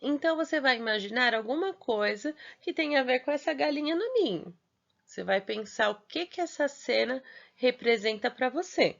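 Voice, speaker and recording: Brazilian woman, schoolteacher, slow patient explaining, stretched words, dull lo-fi recording. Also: a little high, lively intonation, creaky, a bit bright. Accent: Brazilian Portuguese. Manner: slow, patient, stretches key words, many check-ins. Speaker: primary school teacher. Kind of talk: recorded remote class for young children.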